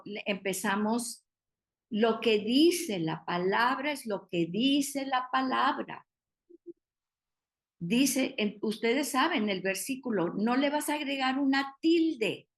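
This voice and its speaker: A woman teaching a Bible study, explaining patiently and asking the group questions. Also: fairly high pitch.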